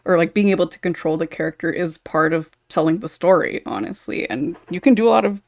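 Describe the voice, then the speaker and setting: A panelist chatting casually on a podcast call, relaxed and talkative. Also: medium pitch, a little fast, vocal fry, no room sound. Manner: relaxed, chatty, laughs between thoughts. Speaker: podcast panelist and ASMR writer.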